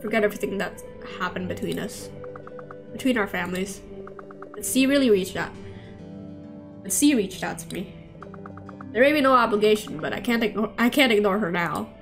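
A young woman game streamer casually reads visual novel dialogue aloud on a livestream, stumbling, rereading lines and tossing out offhand asides. Her voice is mid-range, her pace moderate with long pauses, and game music plays in the background.

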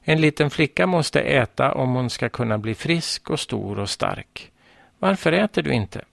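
Guy reading, stern storybook mom, higher and louder than his own gravelly voice, dry sound. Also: lively intonation, no echo. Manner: scolding, coaxing, then amused. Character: stern but fond mother of a small girl.

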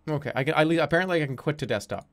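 Male gameplay streamer, raised pitch, casual delivery, profane and exasperated ranting with sarcasm. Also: racing. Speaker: video game streamer.

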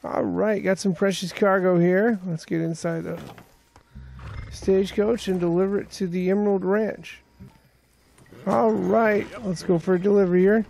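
A man's voice: high-pitched, steady tone, moderate pace, creaky, darkish tone, slight background noise. A man giving casual commentary as he plays a video game. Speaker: gaming video host.

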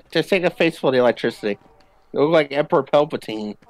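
A fast-talking man with a slightly high voice chats casually as he plays a co-op video game, making playful, jokey asides. Faint music sits behind him, along with the game's gunfire and ambience.

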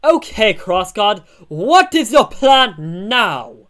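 Dude playing a young hero guy yelling at the bad guy, slow and loud. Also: high voice, very animated, voice pushed up, exaggerated voice. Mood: challenging. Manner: shouting, outraged. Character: angry young male hero facing a villain. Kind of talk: amateur voice acting on a livestream.

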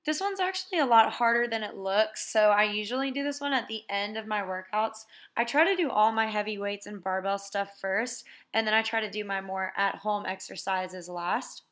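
A woman's voice: mid-range voice, moderate pace, few pauses. Chatty young woman explaining gym exercises. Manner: relaxed, chatty instruction with "basically" and "so". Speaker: fitness vlogger. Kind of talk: casual workout walkthrough voice-over.

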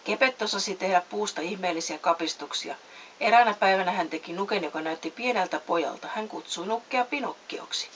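Woman narrator, children's storybook read-aloud, middle pitch, faint tape hiss. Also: low-quality recording. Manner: reads voices with raised pitch and loudness.

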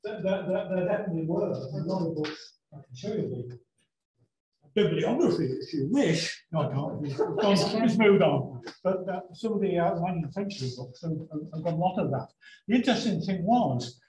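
High-voiced chatty man in a roomy space. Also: animated, moderate pace, mellow, a little hiss or hum. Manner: chatty, hesitant, frequent ums and laughs. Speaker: guest speaker on sea shanties. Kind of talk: answering audience questions. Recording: roomy echo.

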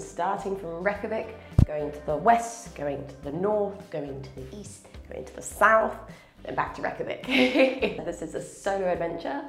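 A Scottish travel vlogger in her thirties chats to camera in a fairly low, reverberant voice, sounding stuffy and slightly nasal from a cold and laughing often. She's recorded on a clip-on lapel mic, first in a small wooden cabin and then inside a car.

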